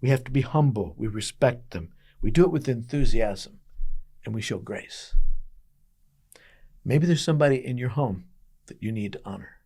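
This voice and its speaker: A man as a pastor giving a daily devotional message, telling a story earnestly with emphatic pauses. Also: medium pitch, lively intonation, dark tone, slightly rough.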